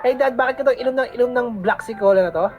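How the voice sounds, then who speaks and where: A woman's voice: a little high, rapid-fire, phone-quality sound. A woman with a Filipino accent hosting a gaming channel, chatting playfully as she plays and mixing Tagalog with English. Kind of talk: casual game commentary. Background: game music.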